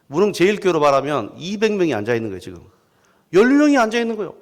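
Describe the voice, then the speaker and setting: A male pastor from southern Jeolla with a Jeolla accent, preaching as a folksy, animated storyteller. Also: high-pitched, racing. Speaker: guest pastor. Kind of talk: humorous storytelling sermon. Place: church sanctuary. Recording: long church hall reverb.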